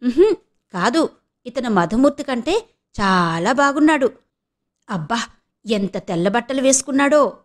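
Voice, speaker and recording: A woman voicing an excited, gushing young friend in an audio novel. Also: fairly high pitch, normal speed, long pauses, lightly acted.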